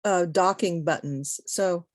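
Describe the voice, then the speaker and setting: Very slow, hesitant woman on a dry call. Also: on the low side, no echo. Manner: hesitant, brief replies. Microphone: video call.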